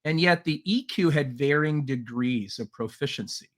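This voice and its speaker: A middle-aged Taiwanese man, a leadership trainer, speaks at a moderate pace in a fairly high voice while telling his life story as a podcast guest. He comes across as earnest, using many "uh" fillers and laughing lightly throughout the relaxed interview.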